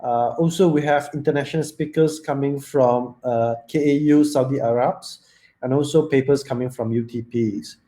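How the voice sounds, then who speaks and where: A man chairing an online conference session, giving halting welcome remarks with non-native phrasing. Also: mid-range voice, fairly even intonation, mellow.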